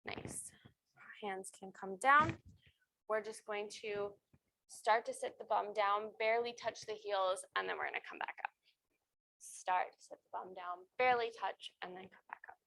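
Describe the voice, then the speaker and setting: A woman's voice: mid-range voice, normal speed, creaky, sharp tone, no room sound, low-quality recording. A woman cueing exercises as an aerobics instructor, giving short, encouraging instructions and counts. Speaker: fitness instructor leading a beginner strength and flexibility class.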